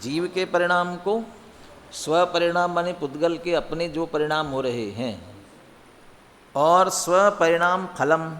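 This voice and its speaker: A man teaching a religious text, explaining by posing and answering his own questions and chanting verses slowly. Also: fairly high pitch, fairly even intonation, in a large hall. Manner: chants scripture slowly and deliberately. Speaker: scripture teacher.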